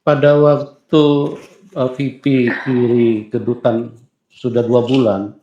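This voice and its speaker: A man interviewing a guest. He asks calm questions and adds soft murmurs while he listens. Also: medium pitch, slow pace, echoey room, muffled recording.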